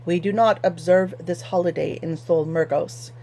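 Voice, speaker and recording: A scarred foreign merchant with a heavy accent, curt and cold, as a woman reader puts him on. The voice drops lower than the narration. He speaks in short lines in a storybook reading. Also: steady tone, moderate pace, warm tone, a little hiss or hum, close to an everyday voice. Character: cold, scar-faced foreign male merchant.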